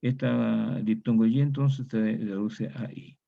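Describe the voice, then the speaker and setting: Latin American Spanish male lecturer, lowish gravelly voice, patient and methodical, dull lo-fi recording. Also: steady tone. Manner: methodical, repeats example words slowly, asks "¿cierto?". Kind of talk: university lecture on historical grammar.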